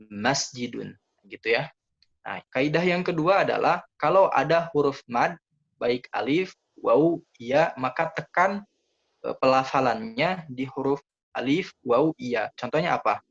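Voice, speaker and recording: A man from Indonesia leads an Arabic lesson at a slow, deliberate pace, spelling out pronunciation rules with many fillers. His voice sits in the middle range and comes through slightly muffled, lo-fi audio. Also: mid-range voice, expressive. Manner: slow, drilled pronunciation, repeating each word twice; explanatory, frequent fillers and "gitu ya". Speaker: Arabic teacher. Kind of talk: online language lesson.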